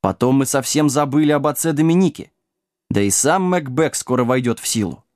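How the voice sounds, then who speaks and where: A man's voice: mid-range voice, brisk, darkish tone, dry recording, natural voice. An anxious, mad male king who speaks with urgency and hurries his questions, as a male narrator puts him on. The audiobook recording is dry and close. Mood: urgent.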